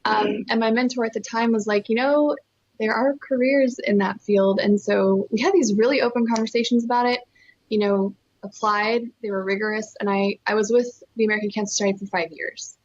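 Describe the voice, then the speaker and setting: A California woman born in Costa Rica, a nonprofit fundraiser, tells her story as an interview guest in an earnest, enthusiastic, emphatic way. Her mid-range voice holds a steady tone and moves a little fast, and the recording has its highs cut off.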